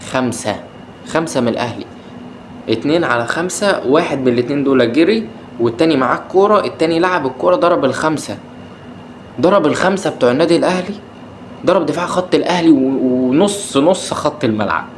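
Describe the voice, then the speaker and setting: An Egyptian man rattles through a football match recap at a very quick clip. He sounds exasperated and keeps asking the players the same questions again and again. A faint hiss of noise sits behind his voice. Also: a little high, expressive. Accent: Egyptian Arabic. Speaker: football podcast host. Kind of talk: casual match recap commentary.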